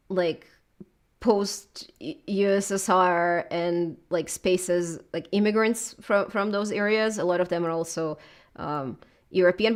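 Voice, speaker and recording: A southern Russian woman in her thirties, a YouTuber, speaks on the low side during an interview. Her casual, halting talk has a Russian accent and is packed with filler words.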